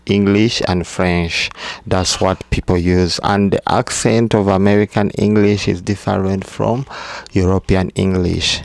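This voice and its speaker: Male vlogger, low voice, unhurried halting delivery, casual advice talk. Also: gravelly, darkish tone, no echo. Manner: slow, halting, with restarts.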